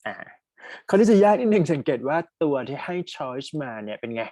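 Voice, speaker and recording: A young Thai-accented man runs an online English exam-prep lesson, reading test sentences slowly, explaining them quickly and asking students to type answers in the chat. His voice is on the high side with a dark tone and big pitch swings, recorded dry.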